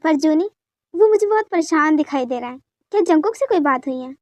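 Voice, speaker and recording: A woman's voice: sits high, lively intonation, a little fast, darkish tone, dry recording. A woman voicing a middle-aged mother who coaxes her son to eat and worries about him, in a dubbed fan story. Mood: caring. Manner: coaxing, fussing.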